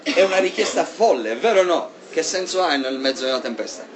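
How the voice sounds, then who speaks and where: A man preaching a sermon in an animated way, swinging between loud emphasis and soft asides. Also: on the high side, fast talker, background noise.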